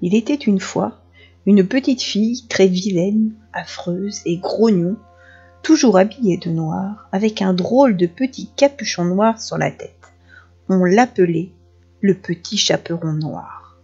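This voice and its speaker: Woman, kindergarten teacher, expressive read-aloud for children; slightly husky voice; dull lo-fi recording with faint music. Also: mid-range voice. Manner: lively, dramatic narration. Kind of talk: expressive storybook reading for children.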